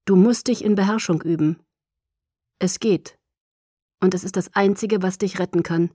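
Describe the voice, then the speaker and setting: A calm and grave vampire leader voiced by a woman reading an audiobook speaks evenly and seriously. The voice is warm and mellow, recorded dry and close. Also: mid-range voice, moderate pace, slightly rough, no echo, lightly acted.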